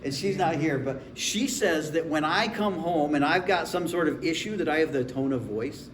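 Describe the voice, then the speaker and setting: A man's voice: a little high, normal speed, background noise. A man in his forties preaching a sermon in a conversational, humorous storytelling way. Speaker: pastor. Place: church sanctuary. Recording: echoey room with faint ambience.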